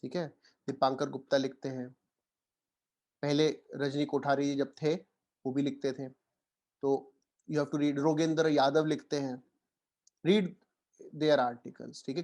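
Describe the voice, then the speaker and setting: A man with an Indian accent gives an online class, speaking a little higher than most men. He switches between Hindi and English and keeps checking in with the class. His tone stays reassuring and encouraging. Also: a little mellow. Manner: Hindi-English code-switching, frequent "theek hai" check-ins. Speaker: teacher. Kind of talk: online lecture.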